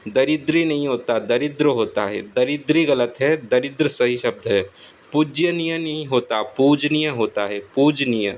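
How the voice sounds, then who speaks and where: A man teaching exam spelling, saying each word slowly and repeating it for his students. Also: mid-range voice, low-quality recording. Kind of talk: slow spelling lesson.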